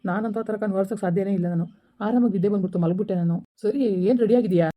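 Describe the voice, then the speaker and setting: A woman acting as a defensive, stubborn young husband in a village family drama, talking in a quick, insistent, argumentative way. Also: medium pitch, dark tone, lightly acted. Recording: dull lo-fi recording.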